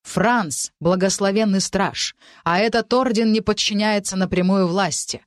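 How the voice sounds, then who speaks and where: A woman's voice: mid-range voice, fairly even intonation, moderate pace, no room sound, studio quality, natural voice. A woman reading an audiobook, voicing a proud, protective young man who speaks firmly. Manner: proud, firm.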